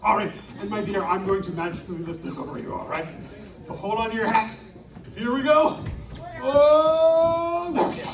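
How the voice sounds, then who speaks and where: Animated man leading a live crowd. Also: high-pitched, normal speed, dull audio. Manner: animated, coaxing crowd call-and-response. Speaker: children's show performer. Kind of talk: live interactive stage show. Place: outdoor winter carnival stage. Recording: echoey, distant live recording with crowd.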